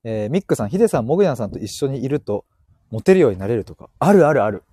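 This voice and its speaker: A man's voice: mid-range voice, very animated, racing, dark tone, slightly rough, no echo, clean studio sound. A man hosting a casual live stream, reading listener comments and joking with frequent laughter while he walks outdoors, speaking into an earphone mic. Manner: playful, laughs often, joking. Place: outdoors, walking.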